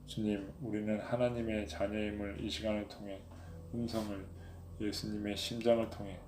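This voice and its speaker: A man's voice: fairly low pitch, flat delivery, normal speed. A male preacher giving an earnest, reflective sermon and leading a pleading spoken prayer. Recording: echoey room, faint background noise.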